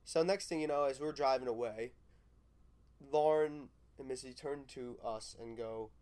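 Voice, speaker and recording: A man's voice: mid-range voice, moderate pace, a little mellow. A young man co-hosting a podcast, talking in a rambling casual way full of "you know". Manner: rambling with many fillers and restarts. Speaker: podcast co-host. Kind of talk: casual chat.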